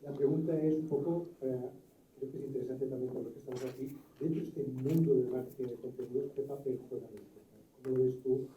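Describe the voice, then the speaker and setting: A man's voice: medium pitch, fairly even intonation, fast, mellow. A man from brand marketing asking the panel a long, winding question at a conference. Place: conference hall. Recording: roomy hall sound, distant mic, faint noise.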